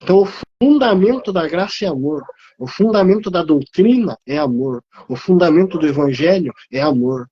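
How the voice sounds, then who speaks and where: Husky high-voiced man, emotional testimony. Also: lively intonation, normal speed, mellow, lo-fi sound. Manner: emotional, preaching rhythm, rising pitch on emphasis. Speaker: guest on a live theology talk. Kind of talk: impassioned testimony.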